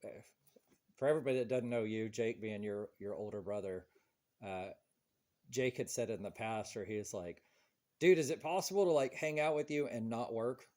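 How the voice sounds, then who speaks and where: A man in his forties hosts a podcast, chatting casually and rambling through stories in which he does quoted voices. His voice is medium-pitched with a dark tone, at a moderate pace.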